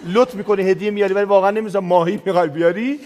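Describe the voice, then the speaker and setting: High-voiced playful male host. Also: darkish tone, some chatter behind, a little hiss or hum. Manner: playful, probing questioner. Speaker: talk-show host. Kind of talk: casual talk-show interview. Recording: roomy hall with faint music.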